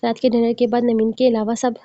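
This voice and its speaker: A woman narrating an audio novel in a rapid, even reading voice, close to the mic. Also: fairly high pitch, no echo. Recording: dull, dry close recording.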